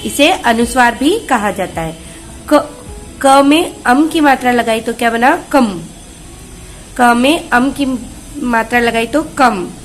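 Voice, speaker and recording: A high-voiced woman speaks with great slowness to very young pupils. She drags each word out, then says it again, and answers her own questions. Faint music sits under her voice. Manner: stretches each word slowly, then repeats it. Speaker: kindergarten Hindi teacher. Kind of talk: online class lesson for small children.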